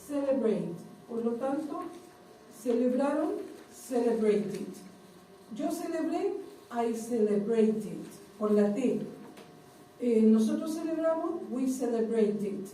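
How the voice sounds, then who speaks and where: A woman's voice: sits high, animated, slow, warm tone. Woman teaching grammar in an echoey room. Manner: explains step by step, repeats words and asks the class questions. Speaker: English teacher. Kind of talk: classroom lesson. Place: classroom. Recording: echoey room, faint noise, voice from a distance.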